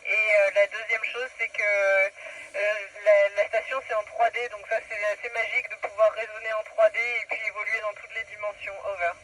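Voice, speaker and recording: A woman's voice: medium pitch, level tone, moderate pace, a bit bright, rough recording. A woman answering questions as an astronaut over a radio link, informal and enthusiastic, feeling for her words. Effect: radio transmission. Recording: radio link with faint static noise.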